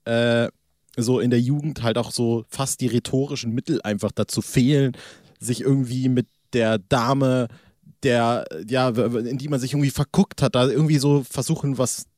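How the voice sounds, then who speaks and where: A man chatting on a podcast in a meandering way, searching for words and stacking fillers as he goes. His voice sits at a middling pitch and sounds close and dry, with no room around it. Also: fairly even intonation, normal speed, darkish tone, dry recording. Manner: rambling, hesitant, many fillers. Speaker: podcast host. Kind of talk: casual podcast chat.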